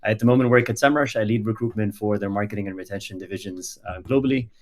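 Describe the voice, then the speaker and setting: A man's voice: on the low side, quick pace. A man, introducing himself as a panel guest in an upbeat, earnest way over a video call. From Egypt. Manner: upbeat, earnest, frequent ums. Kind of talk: casual self-introduction.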